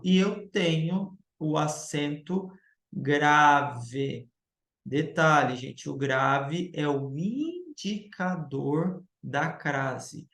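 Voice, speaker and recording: A male teacher giving a recorded grammar lecture, explaining step by step and checking in with the class through quick tag questions. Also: fairly high pitch, vocal fry, a bit bright, roomy sound.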